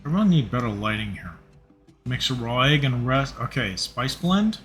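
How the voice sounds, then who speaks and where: A man's voice: medium pitch, lively intonation, normal speed, fairly bright tone, soft background music. A tipsy man hosting a home cooking livestream, rambling casually and talking to his chat viewers. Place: home kitchen.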